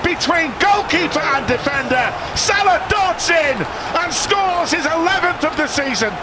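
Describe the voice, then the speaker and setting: A middle-aged man giving excited, emphatic live football commentary, shouting at full volume. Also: very high-pitched, unhurried. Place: open-air football stadium stand. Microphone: handheld commentator microphone held at the mouth. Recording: loud stadium crowd noise.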